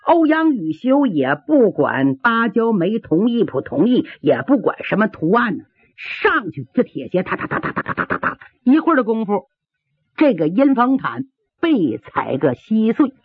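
On a tinny old radio broadcast, a woman performs traditional Chinese pingshu, dramatically telling a martial arts tale with vocal sound effects and rhythmic listing. Her voice is fairly high and husky, very animated, and measured in pace, and the recording is dry.

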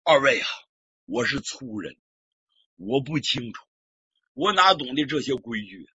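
A man voicing a big, rough-mannered warrior who speaks gruffly and humbly. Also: sing-song, unhurried, bright, forceful tone, no room sound, heavily acted. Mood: pleading. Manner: gruff, pleading, lower-voiced. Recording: dull lo-fi recording.

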